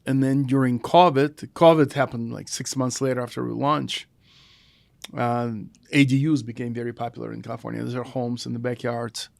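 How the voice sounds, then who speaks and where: A middle-aged man with a Russian accent, a guest telling his founder story in a halting, thoughtful way. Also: mid-range voice, fairly even intonation, creaky, no room sound. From former Soviet Union. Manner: halting, thoughtful delivery with restarts. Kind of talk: casual podcast conversation.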